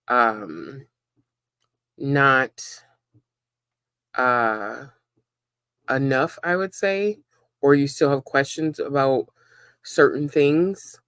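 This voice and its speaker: A woman's voice: a bass voice, clear, resonant tone, no room sound. A woman chatting casually on a live stream while she eats and works, rambling with many ums and likes. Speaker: livestreamer and web content creator.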